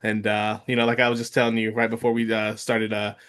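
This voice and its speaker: Chatting casually on his sports podcast, a host in his mid-thirties stumbles through lots of filler words and restarts. He speaks in a fairly low, slightly bright voice with a completely flat delivery.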